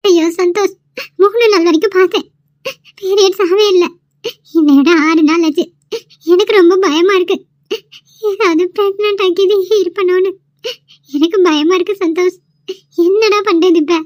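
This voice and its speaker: A woman's voice: very high voice, normal speed, pauses often, a little mellow, dry recording, clean studio sound. A woman voicing a tearful frightened college girl. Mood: frightened, pleading. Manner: pleading, tearful and accusing. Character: tearful young female college student, frightened and reproachful. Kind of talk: cartoon voice acting.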